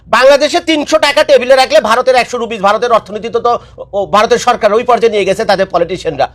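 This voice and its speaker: Male commentator, high voice, rapid-fire scolding monologue, repeats his warnings. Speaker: political commentator. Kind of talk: impassioned political monologue. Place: living abroad.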